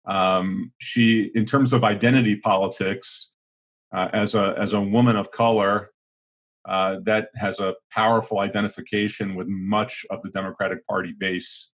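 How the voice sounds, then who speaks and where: Middle-aged male co-host, low-pitched, deliberate talker who hedges and restarts often, casual political podcast chat. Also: level tone. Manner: thinking aloud, hedging with fillers and restarts. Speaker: podcast co-host, former teacher.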